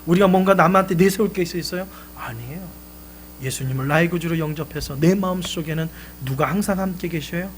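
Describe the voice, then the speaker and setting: A male pastor preaching a live Sunday sermon, emphatic, swelling loud and then dropping low. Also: fairly quick, slight background noise. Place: church sanctuary.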